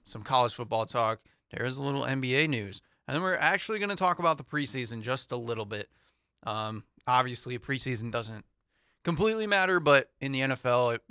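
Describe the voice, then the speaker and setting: A young man hosting a casual sports talk show, rambling and thinking aloud with fillers in a small studio on a boom mic. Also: bright, forceful tone, clear, resonant tone, dry recording. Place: small studio with foam panels. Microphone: studio mic on boom arm, headphones.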